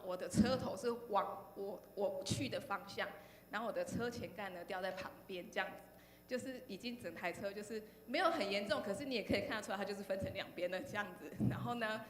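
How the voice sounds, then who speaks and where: A woman with a Taiwanese Mandarin accent gives an animated testimony to a youth congregation, often pausing on "然后呢" and turning questions to her listeners. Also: mid-range voice. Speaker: speaker sharing a testimony at a youth service. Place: church hall. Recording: echoey hall, faint background noise.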